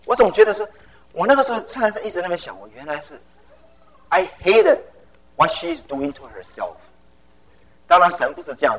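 A middle-aged male preacher with a lively, swooping delivery and a gravelly edge in his voice. He preaches animatedly and slips English phrases in among his words. His voice sits a little higher than most men's. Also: rough recording. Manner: tells personal stories with vivid sound words. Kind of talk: sermon.

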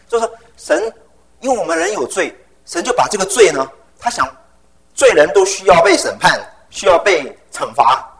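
A middle-aged man preaching a sermon. He talks in an animated way, drops English phrases into his speech and tells personal stories with vivid sound words. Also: high-pitched, vocal fry, low-quality recording.

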